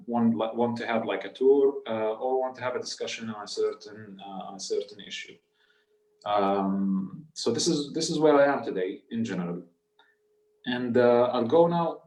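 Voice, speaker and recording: A man in his late twenties with a Palestinian Arabic accent, a tour guide telling his personal story on a video call, halting, with many fillers and restarts. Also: medium pitch, darkish tone, distant mic. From Jordan, Palestinian family. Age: 20s. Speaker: tour guide and guest speaker. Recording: echoey room, off the mic.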